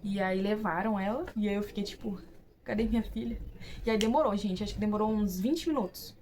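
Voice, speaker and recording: A woman's voice: mid-range voice, fast, darkish tone, a little hiss or hum. A young woman with a Brazilian Portuguese accent, casually telling viewers her own story, chatty and full of fillers and restarts. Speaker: vlogger.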